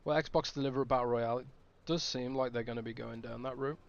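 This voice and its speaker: A man's voice: mid-range voice, steady tone, fast talker, creaky, muffled recording. A man streaming a game, chatting casually and thinking aloud with restarts. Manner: rambling, thinking aloud with fillers.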